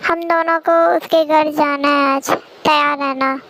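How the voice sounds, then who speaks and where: A woman voicing a gruff, teasing young man who bosses his friend around, in a fan dub with music underneath. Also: high-pitched, level tone, a little slow, noisy background, voice pushed down.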